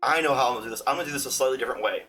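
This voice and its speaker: A man hosts a tabletop game as game master. He improvises his narration in a casual, halting way, with a bright, forceful voice. Faint music plays behind him. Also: medium pitch.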